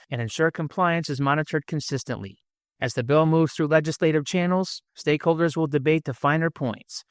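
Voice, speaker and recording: A man's voice: a little high, smooth, dry recording, studio quality. A man hosting a labor podcast, reading a news segment steadily and adding sardonic asides. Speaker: podcast host.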